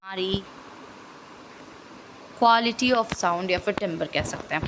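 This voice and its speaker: A woman teacher explaining a science lesson, mixing Hindi and English and slowly dictating answers. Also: medium pitch, background noise.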